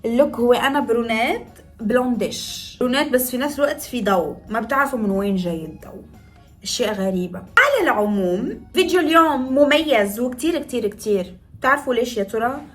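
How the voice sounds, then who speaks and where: A woman's voice: sits high, animated, very fast, fairly bright tone, faint music behind. A woman in her twenties from northern Morocco, chatting playfully to viewers in a vlog and teaching phrases with laughs. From Morocco (Tetouan, north). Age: 20s. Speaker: beauty vlogger.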